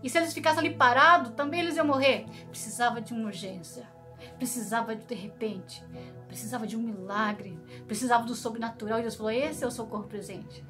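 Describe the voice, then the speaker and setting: A high-voiced Brazilian woman delivers a fervent prophetic sermon, repeating her phrases and swelling into pleading prayer. Clear music plays beneath her throughout. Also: fairly even intonation, brisk. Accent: Brazilian Portuguese. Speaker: preacher. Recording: music playing behind.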